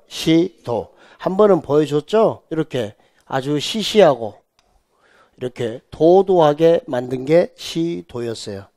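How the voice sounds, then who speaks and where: A man teaches an exam prep class on real estate law, and his voice sits a little higher than most men's. He keeps firing questions at the class, then answers them himself. He drags key terms out slowly so the students chant along. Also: a little mellow. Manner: drills students with call-and-response repetition.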